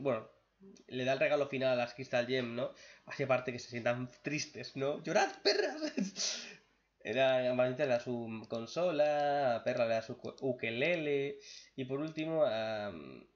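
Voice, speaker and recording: Young male reaction youtuber, Spain Spanish accent, excitable and foul-mouthed, slightly dull lo-fi mic. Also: medium pitch. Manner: excitable, swears freely. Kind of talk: casual reaction commentary.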